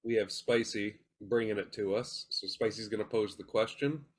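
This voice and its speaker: Male podcast host with a head cold, relaxed and rambling, slightly low voice. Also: moderate pace. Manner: laid-back, rambling with fillers. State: congested with a cold. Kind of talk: casual podcast chat.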